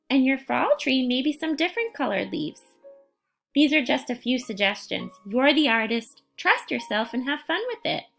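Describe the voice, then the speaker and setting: A woman with a high-pitched voice reads a picture book aloud to young children. She gives them gentle instructions and phrases everything deliberately and carefully.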